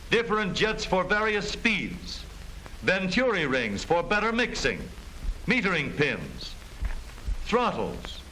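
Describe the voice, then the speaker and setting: An American man reads scripted narration for a 1930s educational film, formal, emphatic and explanatory. His voice is high-pitched and sharp. The vintage film soundtrack is noisy.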